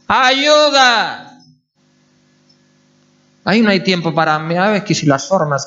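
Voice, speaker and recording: Animated male preacher. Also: fairly high pitch. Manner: animated, asks the congregation questions. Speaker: pastor. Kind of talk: sermon. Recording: dull lo-fi recording.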